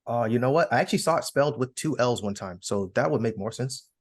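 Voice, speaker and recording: Fast-talking husky young man. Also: mid-range voice, expressive. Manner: fast, easygoing, enthusiastic. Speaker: podcast co-host. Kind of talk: casual chat.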